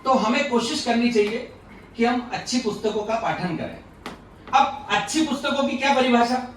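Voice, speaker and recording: A man's voice: very high-pitched, moderate pace, a little hiss or hum. Joking male speaker in an echoey hall. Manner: joking, asks the audience questions. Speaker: speaker at a youth leadership session. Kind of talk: lively motivational talk to an audience. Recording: roomy echoey hall from far off.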